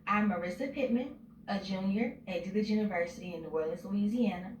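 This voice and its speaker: A twenty-year-old woman, a student leader, speaking earnestly and deliberately in a news interview. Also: medium pitch, distant mic, slight background noise. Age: 20s. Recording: roomy sound from off mic.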